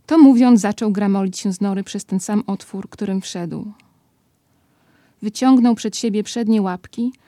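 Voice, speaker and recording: A woman's voice: medium pitch, dry recording, studio quality. Woman reading a storybook aloud. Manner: lively, expressive reading. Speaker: narrator.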